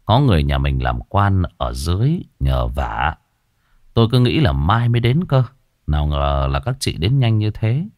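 A man voicing a calm, grave male exorcist master who speaks low and measured. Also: no room sound, studio quality.

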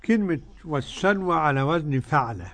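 Older Egyptian sheikh teaching recitation. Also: male voice, fairly high pitch, lively intonation, a bit bright. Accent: Egyptian Arabic. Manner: switches between quick explanation and slow drawn-out recitation. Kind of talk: explaining Quran readings, reciting verses slowly.

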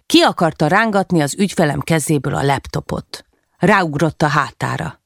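Brief: cool dismissive lawyer, read by a woman, measured and argumentative, gravelly edge. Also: deep voice, lively intonation, no room sound, studio quality, full character voice.

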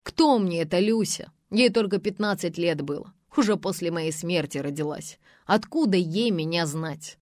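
A woman doing a scared young man, pleading, defensive, low voice, dry close sound, audiobook. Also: normal speed, hardly any pauses, a little mellow, no echo, natural voice. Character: frightened young man, a cornered deserter.

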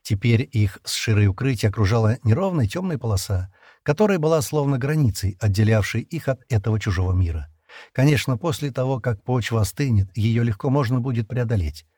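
Expressive male audiobook narrator. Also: mid-range voice, a little fast, no echo, clean studio sound. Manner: expressive, lively reading. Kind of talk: scripted narration.

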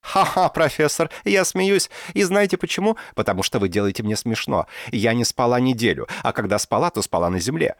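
A man's voice: mid-range voice, very animated, brisk, hardly any pauses, no echo, studio quality, pitched above the performer's own voice. A man voicing a brash, grumbling young woman hunter who haggles mockingly, in an audiobook. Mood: mocking haggling. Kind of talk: audiobook character voice.

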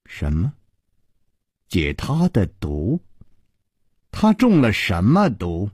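A man's voice: huge pitch swings, darkish tone, husky, no room sound, studio quality, heavily acted. A man voicing a cold, menacing sect mistress. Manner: low, slow, menacing delivery. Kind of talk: traditional storytelling broadcast.

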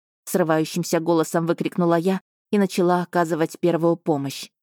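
A woman's voice: fairly low pitch, darkish tone, no echo, studio quality. A woman reading a first-person fantasy novel aloud as narrator. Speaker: audiobook narrator.

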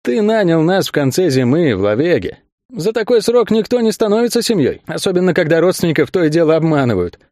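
A man voicing a calm, firm young acrobat who argues steadily. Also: a little high, fast, dry recording, clean studio sound. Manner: steady and persuasive.

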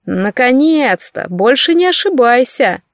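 A woman reading an audiobook, voicing an arrogant, cruel young male court sorcerer with slow, mockingly tender speech. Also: high-pitched, sing-song, no echo, studio quality, exaggerated voice.

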